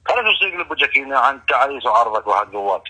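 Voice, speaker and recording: A man's voice: mid-range voice, sing-song, rapid-fire, pushed and bright, slightly rough, rough recording. A man with a Levantine Arabic accent in a casual phone conversation, talking bluntly and coarsely. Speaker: prank call target.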